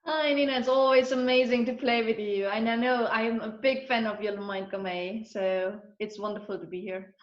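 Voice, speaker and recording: A woman's voice: fairly high pitch, steady tone, moderate pace, few pauses. A woman in her forties from Eastern Germany, a guest telling her life story in a chatty way, full of fillers and restarts. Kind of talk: casual conversational interview. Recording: roomy, dull lo-fi audio.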